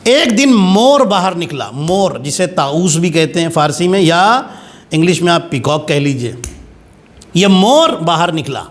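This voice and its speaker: High-voiced dramatic preacher. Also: male voice, expressive. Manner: dramatic storyteller with big pitch swings. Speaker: cleric. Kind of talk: religious sermon storytelling.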